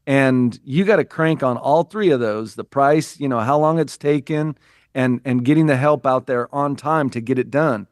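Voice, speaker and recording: Here a business coach from the United States, guesting on a podcast, reflects earnestly in conversation at normal speed and medium pitch. He frequently starts over and repeats himself. Clean studio sound, with no room ambience.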